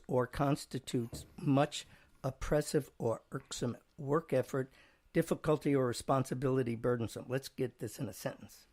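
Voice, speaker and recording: A man's voice: mid-range voice, darkish tone. A man hosting a casual chat, playfully reading out word definitions and example sentences. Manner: playful, chuckling, reads aloud slowly at times. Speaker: host.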